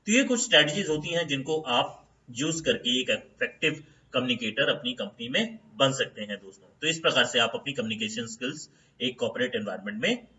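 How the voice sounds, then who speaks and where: Bright-voiced male HR consultant teaching. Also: medium pitch, highs cut off. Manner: conversational, fills pauses with "theek hai" and "uh"; stresses English terms slowly when starting each step. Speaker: HR consultant, channel host. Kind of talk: informal lesson to camera.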